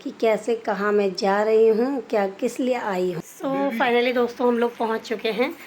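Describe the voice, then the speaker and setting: A woman's voice: on the high side, moderate pace, darkish tone, a little hiss or hum. A young woman chatting casually to her viewers in a family home, explaining everything as she goes. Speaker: vlogger. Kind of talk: casual vlog narration.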